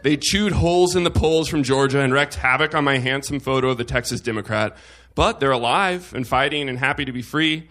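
A man's voice: medium pitch, fairly quick, fairly bright tone. A man reading his own personal essay aloud on stage, with a wry, self-mocking humor. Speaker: op-ed reader at a live show.

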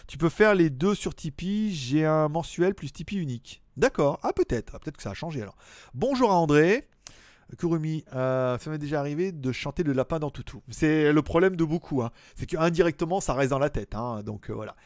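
A man's voice: on the high side, lively intonation, a little fast, a little mellow, no echo, clean studio sound. Chatty man hosting a live stream. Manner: chatty, joking, greets viewers by name. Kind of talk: casual live-stream chat reading viewer messages.

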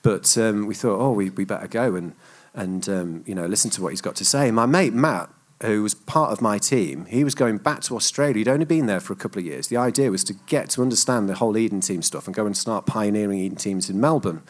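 A man's voice: on the low side, fast talker. A middle-aged man from England preaching, telling anecdotes in a chatty, self-deprecating way. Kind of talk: sermon storytelling.

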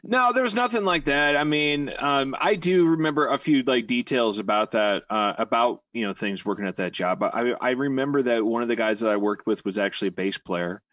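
A man in a casual chat, telling a story in a relaxed, halting way with many fillers. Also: medium pitch, dry recording, distant mic. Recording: dry voice a bit off mic.

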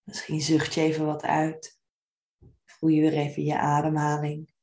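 A woman guides a meditation in a soft, soothing way. Her voice sits low and stays very even, with a creaky edge at the ends of phrases. She phrases gently and without hurry. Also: moderate pace.

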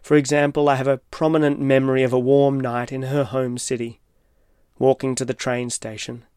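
A man reading his own reflective, literary personal essay as scripted narration, in a measured way. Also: mid-range voice, flat delivery, clean tone, no room sound, clean studio sound. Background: soft guitar music.

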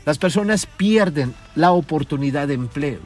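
A man rants through a podcast monologue in a high-pitched voice, swearing freely and scolding his listeners. Soft music plays faintly underneath. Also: animated, moderate pace. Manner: profane, scolding, mocking. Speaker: podcast host. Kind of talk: ranting motivational monologue.

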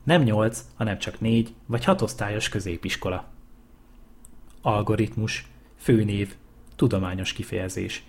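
A man reading dictionary entries aloud in a measured, list-like way. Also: lowish voice. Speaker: dictionary reader.

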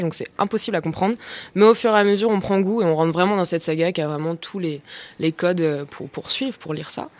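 A young woman hosting a casual chat show, talkative, with lots of fillers and restarts. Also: lowish voice. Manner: chatty, many fillers and restarts, laughs along. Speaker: radio show host.

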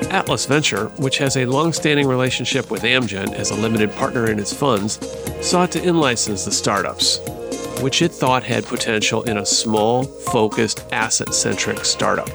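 A man's voice: mid-range voice, moderate pace, vocal fry, over music. A man hosting a podcast, reading a scripted intro and then interviewing a guest with frequent fillers and restarts. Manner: hesitant with fillers and restarts in conversation. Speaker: podcast host.

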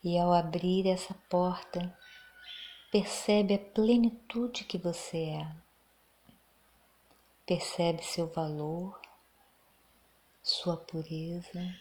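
Female meditation guide, Brazilian accent, lowish pitch, very slow soothing delivery, soft and breathy, close to a whisper. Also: steady tone.

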